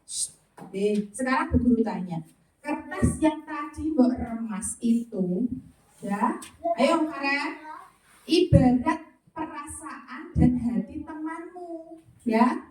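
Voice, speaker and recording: A woman's voice: high voice, lively intonation, slow, pauses often, darkish tone. A woman primary school teacher with a Javanese accent, coaxing children with playful questions. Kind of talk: classroom lesson with children. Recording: roomy, far from mic, noisy class. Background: children chattering.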